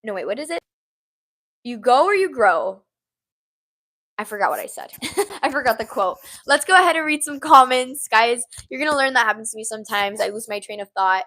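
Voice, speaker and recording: A young woman in her twenties hosts a casual, podcast-style livestream from home, talking into a small handheld mini mic and chatting with live comments. She's bubbly and giggly, rambles, and says "like" a lot. Her slightly high voice is animated, bright, and forceful, delivered at a moderate pace.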